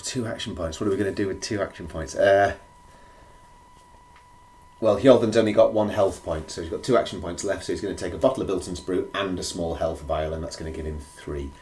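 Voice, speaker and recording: Low croaky man narrating a board game. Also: a little fast, darkish tone. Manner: thinking aloud. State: feeling rough, under the weather. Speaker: solo board game player presenting a run-through. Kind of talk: casual play-by-play commentary. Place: indoors at a gaming table. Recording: clear background noise, clicks.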